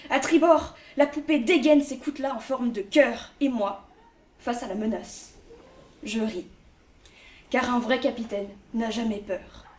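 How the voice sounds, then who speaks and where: A woman's voice: on the high side, unhurried, far from the mic. Woman reciting lyrical spoken-word poetry. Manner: lyrical, rhythmic storytelling recitation. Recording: echoey room.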